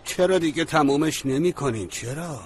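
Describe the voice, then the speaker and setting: A man's voice: fairly high pitch, faint music behind, lightly acted. A man dubbing a cold, mocking male villain in a TV drama. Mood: taunting. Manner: mocking, contemptuous. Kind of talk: Persian dub of a TV drama.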